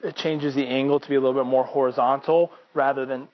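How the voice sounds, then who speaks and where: A man's voice: medium pitch, steady tone, fast talker, lo-fi sound. A man coaching viewers through banded shoulder stretches, explaining casually while he demonstrates. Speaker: fitness coach. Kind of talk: instructional demonstration.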